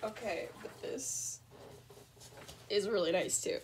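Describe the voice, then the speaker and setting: A woman chatting casually while unboxing, gushing and excitable, and a bit sniffly, swinging between squeals and soft murmurs. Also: mid-range voice, takes it slowly, a little hiss or hum. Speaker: vlogger unboxing a fursuit.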